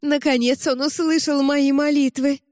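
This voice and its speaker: A woman's voice: a little high, unhurried, darkish tone, no echo, clean studio sound, long reverb tail, pitched above the performer's own voice, close to an everyday voice. A woman voicing a frantic, overeager mother with an exclamatory, giddy manner. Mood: overjoyed.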